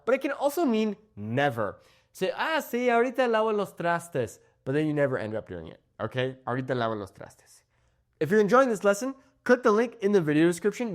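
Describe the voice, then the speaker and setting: A young man giving a casual video lesson on Spanish, often checking in with "okay?" as he explains. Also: fairly high pitch. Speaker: Spanish teacher.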